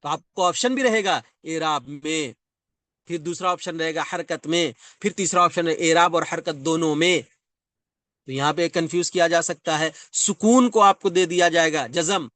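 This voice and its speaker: A man's voice: on the high side, a bit bright, no echo. A man teaching a grammar class, explaining step by step, repeating key terms and checking often whether students follow. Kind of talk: classroom lecture.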